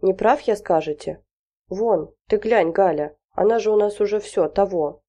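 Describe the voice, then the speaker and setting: A woman reading an audiobook voices a naive, blustering middle-aged father with a gruff, indignant manner. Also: medium pitch, moderate pace, dark tone, lightly acted.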